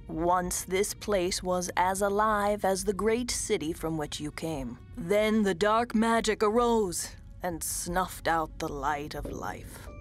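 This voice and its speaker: A woman's voice: fairly low pitch, slow pace, hardly any pauses, soft background music. An actress playing a mysterious old female troll mentor in a cartoon, solemn and commanding, speaking grandly like a drama teacher. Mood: ominous, solemn. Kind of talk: animated cartoon dialogue.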